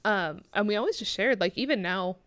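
Relaxed woman in her late twenties, dry sound. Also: medium pitch, fairly quick, no room sound. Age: 20s. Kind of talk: casual chat.

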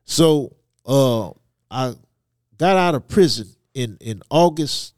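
A man from Ivory Coast, giving personal testimony as a podcast guest in halting, hesitant phrases. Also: mid-range voice, lively intonation, darkish tone, dry recording, studio quality. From Ivory Coast, West Africa. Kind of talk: personal testimony in a conversational interview.

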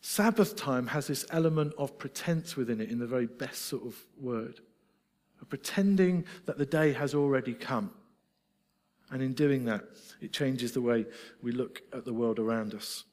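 A man's voice: medium pitch, normal speed, darkish tone. A middle-aged Scottish man preaching a sermon, earnest and reflective, with self-deprecating asides. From Scotland. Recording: long reverb of a large hall.

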